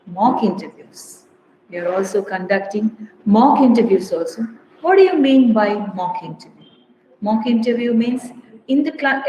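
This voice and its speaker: A woman's voice: mid-range voice, a little hiss or hum. A woman with an Indian English accent, a college English instructor giving an induction talk to new students, explaining at length, repeating her points and asking rhetorical questions. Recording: roomy hall reverb, faint ambience.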